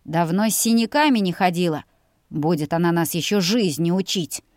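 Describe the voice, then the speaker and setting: A woman's voice: on the low side, animated, moderate pace, darkish tone, dry recording, studio quality, close to an everyday voice. A woman voicing a crude, greedy teenage older brother who sneers and threatens. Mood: mocking. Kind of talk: audiobook character voice.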